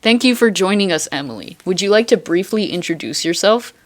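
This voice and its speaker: A young woman hosts a casual interview chat. She keeps a playful, mock-formal tone and delivers her jokes dryly at a medium pitch. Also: expressive, a little fast, background noise. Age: young adult. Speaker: host.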